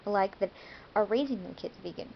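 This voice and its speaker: A woman's voice: mid-range voice, a little fast, creaky, dull audio, slight background noise. An American woman talking to her viewers in a casual vlog, rambling a little with fillers and self-corrections. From United States. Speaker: vlogger.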